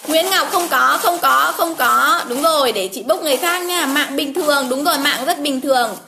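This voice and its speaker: A woman's voice: high voice, moderate pace, gravelly, pushed and bright. A woman, hosting a casual livestream from home, chatty, calling names over and over with frequent exclamations. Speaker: livestream host drawing giveaway winners.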